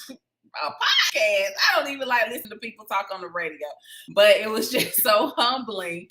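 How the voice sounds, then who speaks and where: Bright chatty woman hosting a livestream. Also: mid-range voice, poor audio. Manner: chatty and promotional, with southern "y'all". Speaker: real estate agent hosting a weekly live stream. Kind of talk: casual live-stream talk to viewers.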